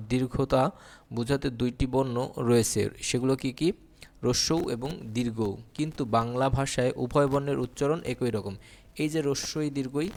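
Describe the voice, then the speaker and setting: A man's voice: mid-range voice, darkish tone, a little hiss or hum. A man teaching an exam-prep grammar lesson. He explains step by step, asking questions and answering them himself.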